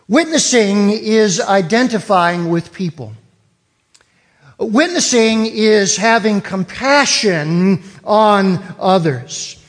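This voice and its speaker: A man preaching a sermon, explaining scripture in a deliberate, teacherly way. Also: high-pitched. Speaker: pastor. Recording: long reverb of a hall.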